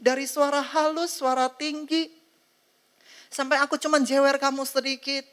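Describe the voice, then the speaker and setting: Stern fatherly God acted by a woman preacher, high voice, scolding, insistent. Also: level tone, moderate pace, a bit bright.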